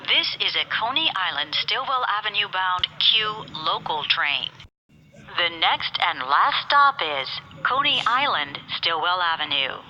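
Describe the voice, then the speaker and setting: Female transit announcer, airport-announcement delivery: very crisp bright tone, formulaic phrasing, slightly dull PA sound. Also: on the low side, sing-song, a little slow. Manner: clearly enunciated, formulaic phrasing in separate segments. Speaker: automated subway train announcer. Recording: muffled train PA, background noise.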